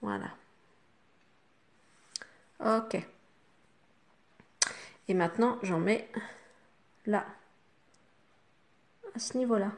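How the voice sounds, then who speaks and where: Une femme francophone au ton bavard, qui explique pas à pas son maquillage aux spectatrices avec beaucoup de « hop » et « voilà ». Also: female voice, mid-range voice, very slow, long pauses. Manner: chatty, talks the viewer through each step with fillers like "hop" and "voilà". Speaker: makeup vlogger. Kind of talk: casual makeup tutorial.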